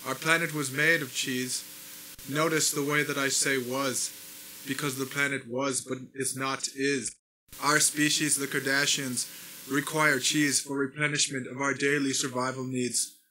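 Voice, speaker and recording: A man's voice: medium pitch, flat delivery, moderate pace, sharp tone, a little hiss or hum, low-quality recording. A man playing a male alien envoy who makes stiff, formal announcements in a comedy sketch. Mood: solemn.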